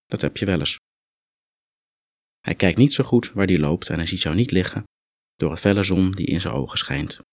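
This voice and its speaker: A man guiding a muscle relaxation meditation, calm and instructive, gently coaxing the listener along. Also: deep voice, moderate pace, pauses often, dry recording. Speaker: relaxation exercise guide.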